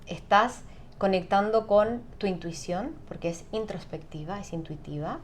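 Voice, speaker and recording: A woman guest on an interview, explaining calmly and often adding tag questions. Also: medium pitch, moderate pace, a little hiss or hum. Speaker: sound therapist guest. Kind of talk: conversational interview.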